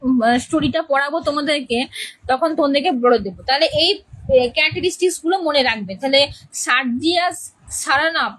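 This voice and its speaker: A female English teacher walks students through a play's characters, repeating key words and often checking they follow. Her high-pitched voice is fast and a bit bright, captured on a low-quality recording.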